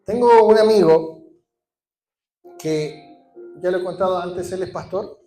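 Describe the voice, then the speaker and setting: A man's voice: sits high, unhurried, warm tone, reverberant, soft background music. A man with a Chilean accent preaching a sermon as a pastor, passionate and building to emphatic repeated declarations, with some hesitations and restarts. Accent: Chilean Spanish. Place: church.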